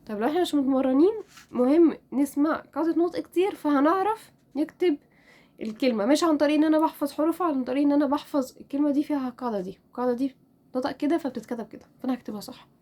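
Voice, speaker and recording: A woman with an Egyptian Arabic accent teaching French pronunciation in a casual lesson, spelling out letters and repeating each word slowly. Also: high voice, warm tone. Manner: drills words slowly, repeating each one.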